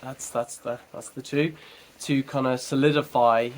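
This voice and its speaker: A man running a fan channel chats on his own in casual commentary, rambling and often correcting himself mid-sentence. His mid-range voice is unhurried with fairly even intonation, and the recording is rough.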